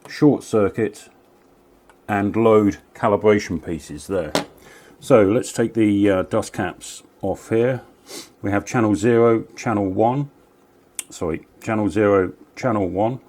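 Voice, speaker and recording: A southern English man with a fairly low, slightly mellow voice, a CB radio hobbyist and video host, gives a casual gear demo peppered with radio jargon.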